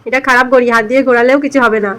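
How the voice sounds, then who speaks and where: A high-pitched woman talks casually to a small child. She coaxes with short, repeated questions and instructions. The home recording carries faint background noise. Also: fairly even intonation, rapid-fire, a bit bright. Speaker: family carer filming a young child.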